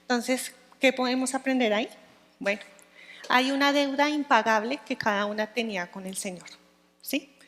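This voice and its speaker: A woman's voice: a little high, normal speed, a bit bright, long reverb tail. A woman teaching the Bible to a women's group, speaking conversationally and often checking in with her listeners.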